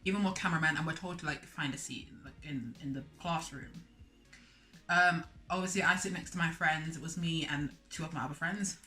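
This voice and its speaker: Bright, chatty young woman telling a story. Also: low-pitched, a little fast. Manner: chatty, dramatic, acts out voices, lots of "like". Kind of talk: animated casual storytime. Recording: faint music bed behind.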